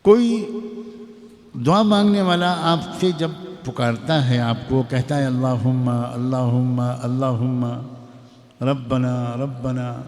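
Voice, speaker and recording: A middle-aged man with an Indian Urdu accent preaches with feeling. His voice sits somewhat high for a man, and long reverb hangs behind each phrase. He recites Arabic lines slowly, then explains them in plain speech. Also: a little mellow. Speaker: Islamic scholar. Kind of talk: sermon. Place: gathering hall. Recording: hall reverb.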